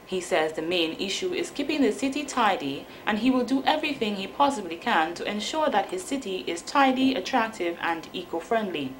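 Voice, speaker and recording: A woman with a Dominican Caribbean accent reading the news in a formal, measured way. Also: medium pitch, expressive, a little hiss or hum, low-quality recording. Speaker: news presenter.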